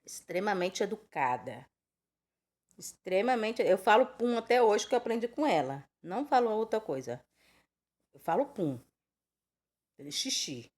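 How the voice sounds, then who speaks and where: A woman's voice: mid-range voice, big pitch swings, normal speed, a little mellow. A woman in her twenties or thirties from Brazil giving an informal Bible teaching, chatty and rambling, full of rhetorical questions. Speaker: preacher.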